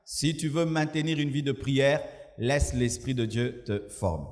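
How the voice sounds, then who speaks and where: A male pastor preaching a sermon, moving between calm teaching and loud, laughing mimicry. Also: mid-range voice, unhurried. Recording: long hall reverb.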